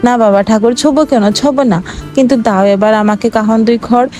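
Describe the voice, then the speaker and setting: A woman voicing a poor, gentle farmer who pleads and speaks tenderly to his ox. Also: on the high side, fairly even intonation, normal speed, soft background music, close to an everyday voice. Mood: pleading. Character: poor, gentle, sorrowful farmer man, middle-aged.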